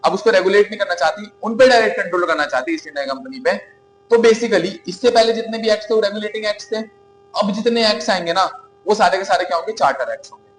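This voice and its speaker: A man's voice: sits high, animated, quick pace, faint music behind, rough recording. A man with an Indian accent giving a classroom lecture, asking his students questions and answering them himself, often checking in with "okay?". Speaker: teacher.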